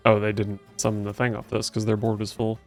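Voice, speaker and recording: A man's voice: on the low side, completely flat delivery, brisk. A man giving casual, dry and sardonic gameplay commentary, thinking his moves through aloud. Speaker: game streamer. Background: game music.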